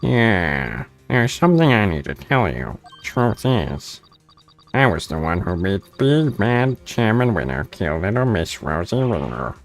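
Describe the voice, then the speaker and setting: A man's voice: lowish voice, sing-song, unhurried, soft background music. A man doing a smug caller in a disguised voice. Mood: taunting. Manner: smug, mocking, sing-song. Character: taunting mystery caller with a disguised voice. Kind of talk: reading game dialogue aloud.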